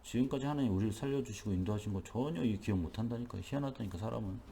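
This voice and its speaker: Gravelly-voiced male pastor preaching. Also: lowish voice, very fast, dark tone, a little hiss or hum. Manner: emphatic, repetitive conversational preaching. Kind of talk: dawn worship sermon. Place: church.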